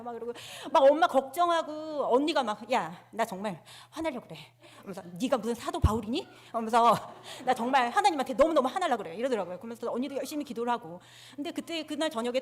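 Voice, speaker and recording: A woman giving a personal testimony to her church congregation on a handheld microphone, telling her story candidly and poking fun at herself. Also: fairly high pitch. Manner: candid, self-mocking storytelling. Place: church sanctuary.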